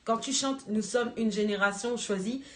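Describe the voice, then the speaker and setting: A woman giving an earnest church exhortation, slow and searching for words. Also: fairly high pitch. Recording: echoey room.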